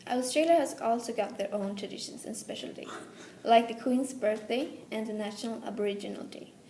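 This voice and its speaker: A teenage girl with a Swedish accent reads her school presentation with care, in a slightly high voice. The room echoes, and a faint hiss sits under the recording. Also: a little fast, warm tone. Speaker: student presenter. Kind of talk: school presentation read aloud.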